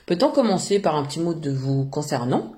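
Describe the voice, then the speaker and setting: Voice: medium pitch, sing-song, a little fast, mellow. An interviewer who opens formally, asks questions and adds short friendly quips.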